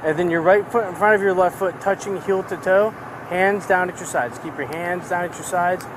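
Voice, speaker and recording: A man's voice: high-pitched, a little fast. A male police officer giving methodical, repetitive step-by-step instructions for a sobriety test. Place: outdoor city sidewalk at night. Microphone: body-worn camera on the speaker. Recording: noisy outdoor body camera audio. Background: street and vehicle noise.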